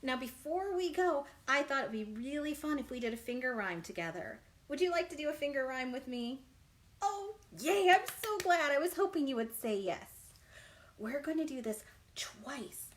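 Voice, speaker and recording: Her high voice is very animated and moves at a moderate pace as she works as a children's librarian leading storytime. Reading aloud and chatting, she's exaggerated and encouraging, asking the young listeners questions throughout.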